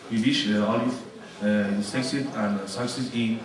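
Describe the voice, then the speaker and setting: A low-voiced man introduces his students in a halting way. He sounds far from the mic in an echoing hall. Background noise is clear. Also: fairly even intonation. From Iran. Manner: halting, many fillers. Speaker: teacher leading a student team.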